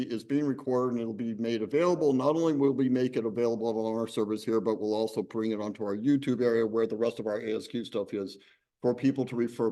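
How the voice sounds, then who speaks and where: A man's voice: mid-range voice, mellow. A man hosting a university meeting in a rambling, casual way. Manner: rambling, full of fillers and restarts. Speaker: program director and host. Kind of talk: informal meeting introduction. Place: university classroom.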